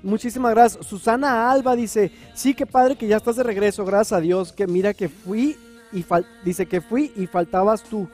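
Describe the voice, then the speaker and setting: A man's voice: high voice, steady tone, moderate pace, a little mellow, faint music behind. A man co-hosting a live morning TV show, joking playfully and reading viewer messages aloud, with a Northern Mexican accent. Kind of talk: lively morning TV chat. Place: TV studio.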